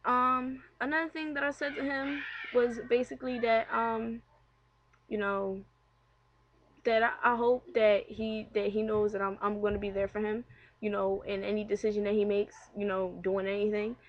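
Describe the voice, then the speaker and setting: A woman's voice: medium pitch, flat delivery, moderate pace, highs cut off, slight background noise. A young woman vlogging a casual, personal rant in a candid, conversational, slangy way, swearing freely. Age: young adult.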